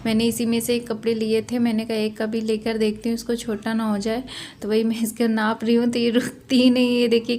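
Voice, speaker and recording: A woman's voice: on the high side, slight background noise. A woman vlogger and mother narrating her mall shopping trip in a chatty, repetitive way, often ending phrases with tag questions. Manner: chatty, repeats herself, frequent tag questions. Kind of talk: casual vlog narration over shopping footage.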